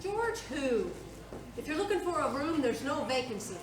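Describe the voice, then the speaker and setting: A woman's voice: high-pitched, animated, normal speed, a crowd in the background. A woman on a theater stage playing a cold, hostile older landlady who speaks curtly. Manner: curt, hostile. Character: cold hard older boarding-house landlady. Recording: echoey stage from far off.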